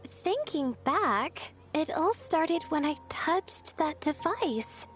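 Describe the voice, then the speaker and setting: A woman voicing a shy, sleepy young female student in a video game, who speaks softly and hesitantly and stammers when she is nervous. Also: high voice, big pitch swings, slow, exaggerated voice. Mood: calm. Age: young adult. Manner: hesitant and stammering, soft-spoken. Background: soft game music.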